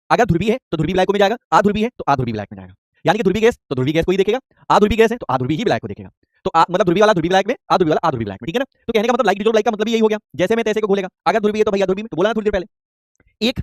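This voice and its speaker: A man with a fairly high voice delivers a chemistry lesson at breakneck speed. He repeats terms again and again and keeps firing quick questions at his students. The sound is dry and close, with no room echo. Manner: rapid, repetitive, quizzing students with call-and-response questions. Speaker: chemistry teacher. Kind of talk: live online class lecture.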